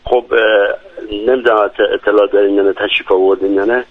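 A man's voice: lowish voice, fairly even intonation, no echo. A man from Lorestan, a radio guest who describes his home village eagerly, with frequent hesitations. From Lorestan, Iran. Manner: enthusiastic, descriptive, many hesitations. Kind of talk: radio interview. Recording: dry, dull lo-fi radio sound.

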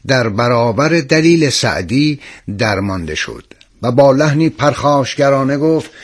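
A man hosting a radio program, reading old tales and anecdotes in a measured, expressive scripted narration. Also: medium pitch. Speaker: radio storyteller host.

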